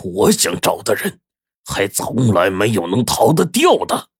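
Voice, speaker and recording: A man voicing a menacing, sneering loan-shark thug who taunts loudly. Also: lowish voice, huge pitch swings, unhurried, breathy edge, no room sound, clean studio sound, exaggerated voice.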